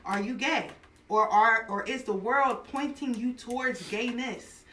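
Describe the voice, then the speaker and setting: A woman's voice: on the high side, measured pace, pushed and bright, roomy sound, far from the mic, slight background noise. A woman in her twenties hosting a radio talk show, chatting casually and bluntly, laughing often. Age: 20s.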